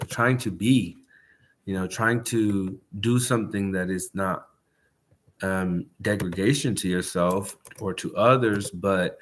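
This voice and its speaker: A man's voice: low voice, a little hiss or hum. A man hosting his podcast, chatting casually on a livestream with a stuffed-up nose, rambling loosely and dropping swear words and slang. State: congested nose. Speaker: podcast host.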